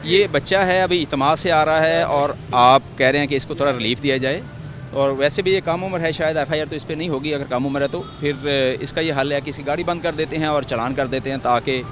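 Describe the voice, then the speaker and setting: A male traffic warden with a Pakistani Urdu accent explains things in a steady, measured way. His voice is somewhat high for a man, and clear street traffic noise runs under the recording. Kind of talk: official explaining on camera. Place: roadside outdoors in city traffic.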